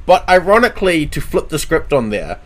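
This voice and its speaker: A man's voice: fairly high pitch, big pitch swings, fairly quick, fairly bright tone. Emphatic man hosting a casual chat. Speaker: show host. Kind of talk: casual opinionated chat about anime dubs.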